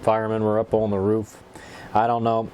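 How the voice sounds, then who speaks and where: A man chatting casually and telling stories in an unhurried, rambling, folksy way, at times with a pipe in his mouth. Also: fairly low pitch, monotone, darkish tone, a little hiss or hum. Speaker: pipe-smoking vlogger. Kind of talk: casual storytelling chat.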